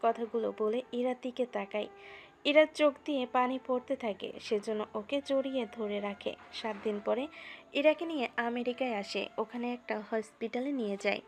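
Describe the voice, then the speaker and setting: A woman's voice: a little high, normal speed. A woman reading scripted narration for a romantic story.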